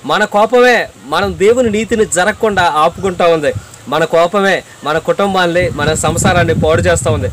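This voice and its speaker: Earnest preacher man, high voice. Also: a bit bright, slight background noise. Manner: earnest, repeats phrases for emphasis, addresses listener directly.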